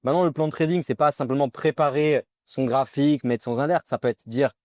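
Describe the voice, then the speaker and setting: Man, mid-pitched voice, interview host, relaxed and chatty, slangy asides, dry close recording. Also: fairly quick, no echo. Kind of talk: casual podcast interview.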